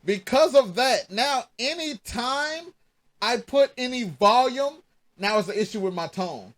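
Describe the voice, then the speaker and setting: A man's voice: very high voice, lively intonation, measured pace, fairly bright tone. A man co-hosting a podcast, talking bluntly with lots of swearing and stop-start restarts. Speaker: podcast co-host. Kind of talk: casual chat.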